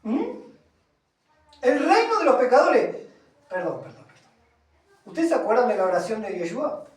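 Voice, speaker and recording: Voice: mid-range voice, big pitch swings, normal speed. A preacher giving an emphatic sermon, reading scripture aloud and putting questions to the congregation. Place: congregation hall, also streamed. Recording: echoey room from far off.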